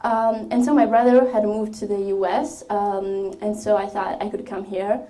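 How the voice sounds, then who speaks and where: Young woman from Ethiopia, mid-pitched, warm tone; halting personal testimony full of fillers. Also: flat delivery. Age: young adult. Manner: hesitant, many fillers and restarts. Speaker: student speaker. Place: college event room.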